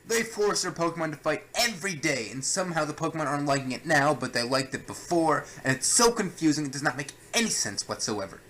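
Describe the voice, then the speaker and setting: A man's voice: on the high side, lively intonation, quick pace, hardly any pauses, fairly bright tone, slight background noise, poor audio. A young man reviewing a film with a co-host, ranting in a sarcastic, exasperated way. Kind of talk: casual review chat.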